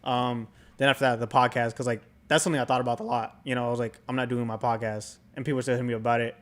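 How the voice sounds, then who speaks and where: A man's voice: mid-range voice, level tone, racing, fairly bright tone. A man chatting casually as a podcast co-host, reflective and loose, filling his talk with "like" and "you know".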